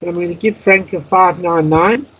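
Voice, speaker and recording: A man teaching Morse code practice gives step-by-step spoken instruction over a Skype call, announcing each item word by word in a high voice at normal speed. The internet call sounds dull and lo-fi, with clear noise.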